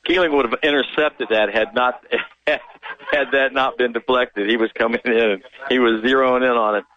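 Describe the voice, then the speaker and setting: A man giving color commentary on high school football, chatty and a little halting. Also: steady tone. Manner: chatty, halting remarks between plays. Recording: slightly dull radio broadcast sound.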